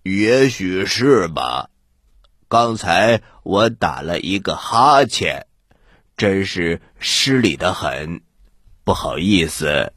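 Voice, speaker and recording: A man voicing a bored, courteous stone statue in a children's story, husky and hesitant. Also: low voice, big pitch swings, slow, fairly bright tone, no echo, clean studio sound, voice pushed down, exaggerated voice. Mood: apologetic. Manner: hesitant, sighing, ponderous.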